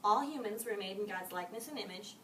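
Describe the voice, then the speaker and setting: Girl doing an earnest church youth minister, explains stuff calmly, echoey far mic. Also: mid-range voice, fast, natural voice. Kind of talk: amateur class-project role-play. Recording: echoey room, mic far off, faint noise.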